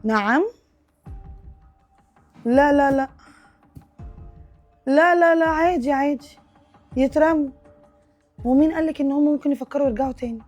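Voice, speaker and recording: A woman's voice: high voice, normal speed, pauses often, a little mellow, faint music behind, lightly acted. A woman with an Egyptian accent playing a spiteful, greedy wife who talks scornfully and boastfully on the phone. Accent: Egyptian Arabic.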